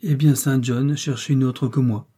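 A man reading the lines of a quiet but firm young woman in a measured, restrained way. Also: medium pitch, fairly even intonation, breathy edge, natural voice.

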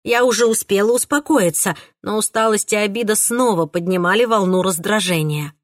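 A woman narrating a first-person audiobook with an emotional, expressive delivery. Her pitch sits in the middle range. The recording is dry and close, with no room echo. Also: fairly quick.

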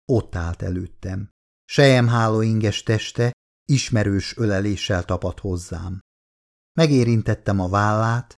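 Low-voiced man narrating a novel. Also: darkish tone. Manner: measured, subdued, introspective. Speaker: audiobook narrator. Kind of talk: first-person literary audiobook narration.

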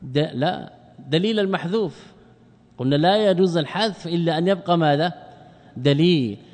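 A fairly high, slightly mellow male voice teaches Arabic grammar with a big-room sound. The lecturer asks rhetorical questions, supplies the answers, and takes it slowly when spelling out word forms.

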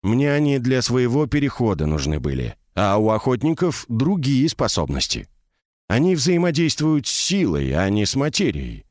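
A man's voice: mid-range voice, wildly swooping pitch, moderate pace, darkish tone, no room sound, clean studio sound. A man voicing an ancient mocking mage. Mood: explaining. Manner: mocking, teasing.

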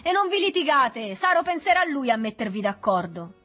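A woman's voice: fairly high pitch, expressive, a little slow, a bit bright, soft background music, voice pushed up. A woman voicing a mocking teenage boy who taunts the others in an audiobook reading. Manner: taunting, teasing.

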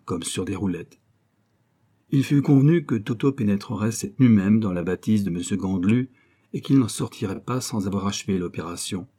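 A man with a low, dark, mellow voice narrates a novel as an audiobook. His delivery is steady and even, told in a scripted storytelling style.

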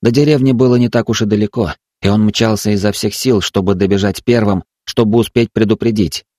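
Male narrator with a low voice, dry close recording, measured dramatic reading. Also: fairly even intonation, dark tone, no echo. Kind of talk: storytelling narration.

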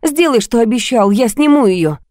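Frantic tearful young woman, high and mellow, dry close read, as a woman narrator puts her on. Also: expressive, moderate pace, no room sound, natural voice. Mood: hysterical. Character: desperate young woman on the edge of hysteria.

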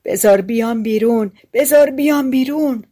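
A woman reading an audiobook, voicing a vengeful male spirit freed from a bottle that shouts threats and later pleads. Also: on the high side, husky, voice pushed up. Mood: muffled calling. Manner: loud and menacing, turns pleading.

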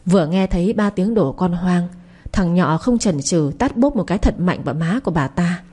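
Female narrator for a gritty audio story, husky and dark, carries every role herself. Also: on the low side, animated, normal speed. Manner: voices every character herself, rough and angry for the thugs.

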